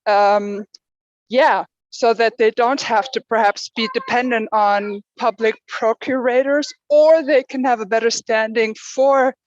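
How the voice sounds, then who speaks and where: A woman's voice: on the high side, steady tone, measured pace, dry recording. A woman on a video call with her camera off, talking hesitantly and searching for words. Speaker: workshop participant. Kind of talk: casual discussion on a video call. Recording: dull dry laptop audio.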